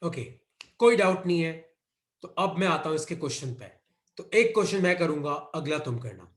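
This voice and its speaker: Male physics teacher, Indian accent, high voice, roomy echo; dictates notes to an online class. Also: expressive, moderate pace. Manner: repeats dictation cues, mixes Hindi and English.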